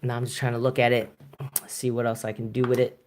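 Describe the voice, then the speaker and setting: A Canadian artist streams himself painting live and chats casually with viewers, rambling with lots of fillers and chuckles. His mid-range voice is completely flat and fast, with a bit of hiss or hum in the recording.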